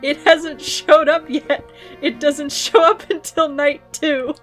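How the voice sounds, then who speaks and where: A woman's voice: high-pitched, steady tone, takes it slowly, fairly bright tone. A young woman chatting casually while playing a game, giggling often and rambling with restarts. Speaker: gaming video creator. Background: faint game music.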